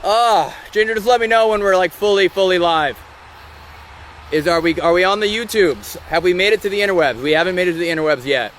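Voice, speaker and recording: A man hosting a live-stream vlog outdoors, talking in an excitable, rambling and emotional way. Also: sits high, fairly quick, slight background noise. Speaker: ghost-hunting channel host. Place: outdoors by a rock wall during a thunderstorm. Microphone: phone or camera on a live stream.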